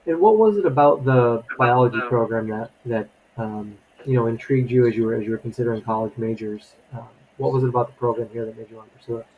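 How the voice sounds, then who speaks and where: A man's voice: medium pitch, fast talker, few pauses, phone-quality sound. A man hosting a podcast interview, giving upbeat, welcoming introductions and asking questions. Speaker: podcast host.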